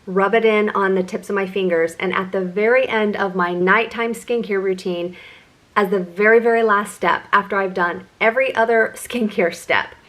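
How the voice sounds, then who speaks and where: A woman's voice: medium pitch, fairly even intonation, normal speed, fairly bright tone. A middle-aged woman vlogger giving a chatty, enthusiastic product review. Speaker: beauty vlogger.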